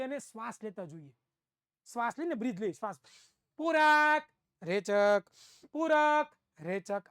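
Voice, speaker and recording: A man's voice: extremely high pitch, dry recording, clean studio sound. A male science teacher, giving an online class in a playful way, repeating phrases and acting out students' replies.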